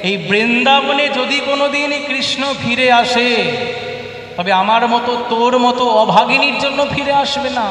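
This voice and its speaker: A male devotional singer voicing a proud, sharp-tongued rival village woman who scolds the others imperiously, in a sung religious story performance. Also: on the high side, unhurried, far from the mic, voice pushed up. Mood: scornful. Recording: echoey hall, heard from afar, music behind.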